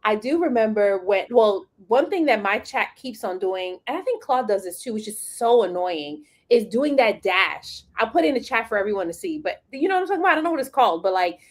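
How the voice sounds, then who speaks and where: Sassy, animated woman hosting a live chat. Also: mid-range voice, fairly quick, few pauses. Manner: animated, sassy, acts out quotes. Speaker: host.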